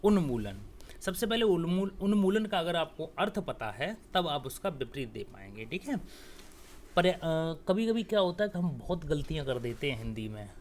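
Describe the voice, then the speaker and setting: Higher-pitched man teaching Hindi grammar. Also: big pitch swings, normal speed, darkish tone, a little hiss or hum. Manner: explains step by step, often adds "theek hai"; talks straight to students, coaxing. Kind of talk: exam-prep grammar lesson.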